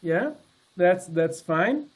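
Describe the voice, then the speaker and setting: Sharing his personal testimony alongside slides, this sixty-something member has a notably high, husky voice and an animated delivery. He stops and restarts phrases, leans on "uh" and "um," and comes across as earnest and unpolished.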